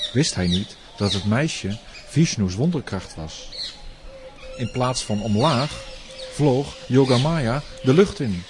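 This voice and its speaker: A man narrating a storybook tale in a measured, deliberate reading. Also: medium pitch, background noise.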